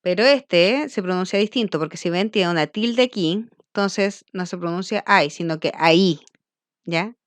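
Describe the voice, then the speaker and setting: A woman's voice: fairly low pitch, normal speed, dry recording. A woman teacher with a Chilean accent patiently explaining a grammar lesson to children, often checking they follow.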